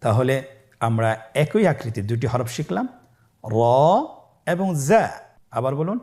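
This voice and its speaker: A man's voice: medium pitch, big pitch swings, darkish tone. Patient Bangladeshi Quran teacher, man. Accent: Bangladeshi Bengali. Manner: patient, slow drilling, stretching each letter. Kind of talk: recitation lesson for beginners.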